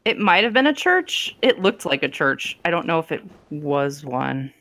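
A woman's voice: low-pitched, sing-song, normal speed, heavy background noise. A woman co-hosting a game stream in a casual, giggly way. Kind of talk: casual chat over gameplay.

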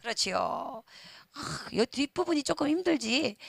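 A middle-aged woman singing teacher who explains quickly and then sings phrases for the class to repeat. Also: high voice, animated, creaky, no echo, clean studio sound. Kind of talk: online singing lesson. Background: backing track music.

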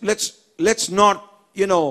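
A man preaching a sermon in short phrases, pausing for an interpreter and building to emphatic exhortation. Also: bright, forceful tone. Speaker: pastor. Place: church service.

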